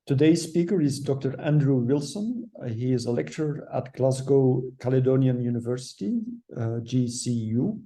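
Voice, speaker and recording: A man hosting a webinar, giving a formal introduction in halting, measured phrases. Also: mid-range voice, animated, warm tone. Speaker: webinar host.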